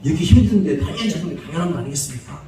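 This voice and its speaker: A sulky, self-righteous prophet, as a male preacher puts him on, whines and complains as though he is in the right. The voice swings lively in pitch. It is heard from a distance in a very echoey church hall. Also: racing, close to an everyday voice. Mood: whiny. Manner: whiny complaining.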